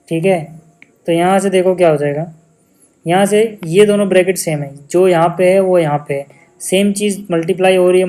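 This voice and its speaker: Man, young adult, maths lesson, mellow voice, casual step-by-step explanation. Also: fairly high pitch, low-quality recording. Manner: casual, keeps checking understanding with questions. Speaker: maths teacher.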